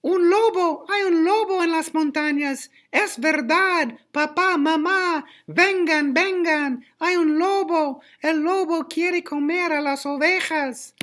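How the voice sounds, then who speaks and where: A man voicing a mischievous young shepherd boy who yells in a shrill, high voice from a distance. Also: takes it slowly, few pauses, heavily acted. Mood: desperate shouting.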